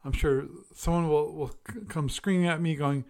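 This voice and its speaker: This man hosts a laid-back solo podcast, thinking out loud, chatting, and revising his own words as he reviews. His voice sits a little high with a darkish color, and he keeps an even tone at a moderate pace.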